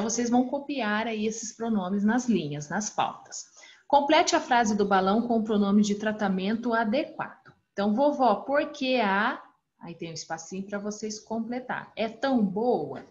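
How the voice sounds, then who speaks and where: A woman's voice: medium pitch, animated, normal speed. A woman with a Brazilian Portuguese accent teaching a recorded online class to young children, explaining each exercise patiently and step by step. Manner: affectionate, calls the class "turminha". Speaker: primary school teacher. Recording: dull lo-fi recording.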